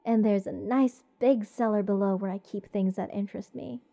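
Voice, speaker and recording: Here a voice actor uses a mid-range, creaky voice with a dark tone, lightly acted. She plays a gushing, eccentric mage besotted with cursed creatures, speaking to the listener in a rambling, whimsical fantasy ASMR roleplay. She goes slowly and dotingly, theatrically whimsical, in a dreamy, fond mood.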